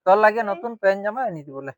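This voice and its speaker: A man's voice: high-pitched, animated, very fast, dull audio. A man playing a husband in a comedy skit, talking in a placating way. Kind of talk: rural comedy skit dialogue.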